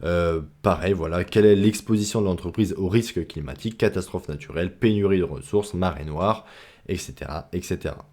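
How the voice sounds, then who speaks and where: Chatty man with a dark voice. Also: low voice, brisk. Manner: chatty, many fillers like "bah" and "hein", informal slang. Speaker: stock investing educator. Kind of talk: casual explanatory lesson.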